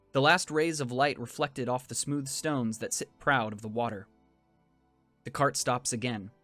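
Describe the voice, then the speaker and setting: Dry-recorded male game master over soft music. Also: mid-range voice, no echo. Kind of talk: narrating a tabletop fantasy game in second person. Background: faint music.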